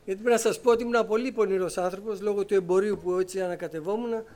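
A middle-aged man giving a personal testimony to his congregation as a lively storyteller who acts out the conversations he recounts. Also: high-pitched. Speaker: church member giving testimony.

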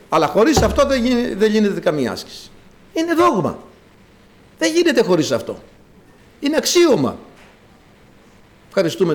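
Fervent high-voiced preacher. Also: male voice. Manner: fervent, rhetorical questions, recites scripture. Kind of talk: sermon.

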